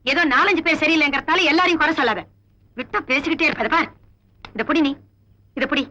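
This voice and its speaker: A woman's voice: sits high, expressive, fast talker, bright, forceful tone. An actress playing a stern, honest woman police officer who speaks firmly and scolds, in 1990s film dialogue. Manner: firm, scolding, commanding. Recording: dull old film soundtrack.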